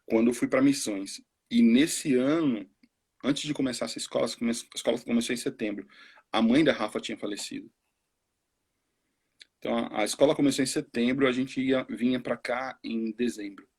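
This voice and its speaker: A Brazilian missionary in his forties shares his testimony casually on a live stream, his mid-range voice a little fast, a little mellow and husky. He acts out the voices of the people he quotes.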